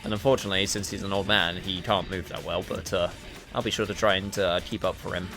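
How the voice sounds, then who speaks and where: A man's voice: low voice, level tone, quick pace, fairly bright tone. A young man giving chatty, sweary, casual commentary over a video game he is playing. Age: young adult. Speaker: gaming video host. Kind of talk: casual gameplay commentary with game lines read aloud. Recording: music behind the voice.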